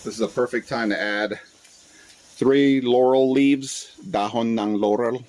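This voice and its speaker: Cooking in a wok on his windy front patio, a Philippine-born host of a cooking channel, in his forties, talks casually for his vlog in a mid-range voice. He's relaxed and chatty, leaning on "uh" and mixing in Tagalog. Audio comes through Bluetooth earbuds into a cell phone, noisy outdoors with wind and sizzling.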